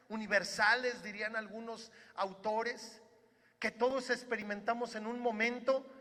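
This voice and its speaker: A man preaching a sermon, slow and swelling, rising loud and then dropping to a hush. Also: high-pitched. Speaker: pastor. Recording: church hall reverb.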